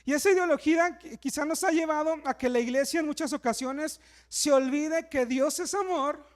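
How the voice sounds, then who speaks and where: A man preaching a sermon in a chatty, joking way, often tagging his points with questions to the congregation. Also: very high-pitched. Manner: joking, chatty preaching with frequent rhetorical tags.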